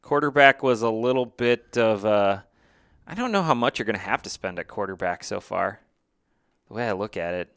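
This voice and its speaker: A man's voice: lowish voice, lively intonation, normal speed, a bit bright, clean tone, no echo, clean studio sound. A man co-hosting a casual fantasy football chat, thinking aloud with fillers and restarts. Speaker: podcast co-host.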